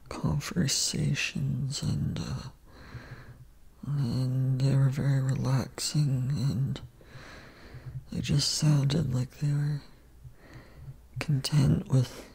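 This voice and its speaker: A young man speaking in a sleepy ASMR voice, in a breathy whisper, halting and repeating words. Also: a little high, darkish tone, low-quality recording. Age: young adult.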